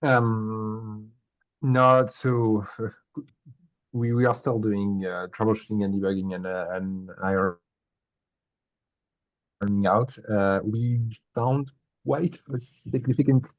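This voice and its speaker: Male team member, low voice, halting delivery, connection stutters and drops out, muffled dry call audio. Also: fairly even intonation, no room sound. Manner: halting, with many fillers and restarts. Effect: choppy internet audio that cuts out. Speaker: meeting participant reporting on a project. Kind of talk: casual work call update. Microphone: video call. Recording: dull, dry video call audio with dropouts.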